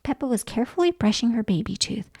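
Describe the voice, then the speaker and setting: High-voiced, animated woman reading a storybook. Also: quick pace, vocal fry, breathy edge, no room sound. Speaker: children's storybook reader. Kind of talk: expressive scripted story narration.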